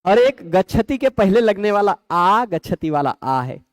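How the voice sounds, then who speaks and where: A male Sanskrit grammar teacher, his pitch sitting high and swinging widely as he explains. He builds his points patiently, asks questions and answers them, and checks that his students follow. The recording is dry and close. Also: big pitch swings, a little slow, no echo. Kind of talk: explanatory lecture.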